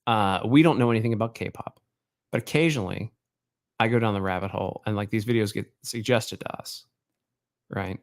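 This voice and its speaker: A man's voice: fairly low pitch, a little fast. A man hosting a live podcast, joking and rambling in casual chat with his co-host. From Texas, US.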